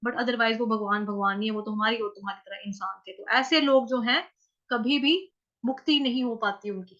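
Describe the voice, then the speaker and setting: A woman from North India teaching scripture chanting in an online class, explaining pronunciation syllable by syllable and chanting words slowly. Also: on the high side, fairly bright tone, lo-fi sound. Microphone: video call.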